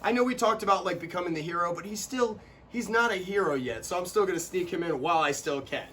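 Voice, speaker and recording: A young man co-hosting a casual chat, animated and quick to burst into quoted lines. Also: high-pitched, a little hiss or hum. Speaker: co-host.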